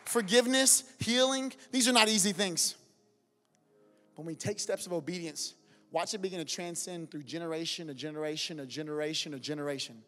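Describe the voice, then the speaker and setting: A man preaching and telling his own story, swinging from loud praise to soft, quiet storytelling. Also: fairly high pitch, a little fast, big-room sound, faint music behind. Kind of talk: sermon testimony.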